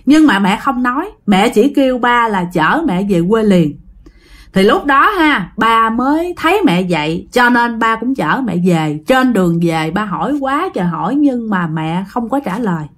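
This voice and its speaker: A woman's voice: fairly high pitch, animated, moderate pace, fairly bright tone. A woman casually retelling a ghost story and speaking directly to her listeners. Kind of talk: spoken ghost story narration.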